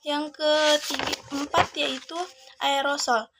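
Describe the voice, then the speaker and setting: A woman's voice: high voice, little pitch movement, slow, very noisy. A teenage girl, a student from Indonesia, reads a school chemistry report aloud, carefully and phrase by phrase. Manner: careful list-like reading, phrase by phrase.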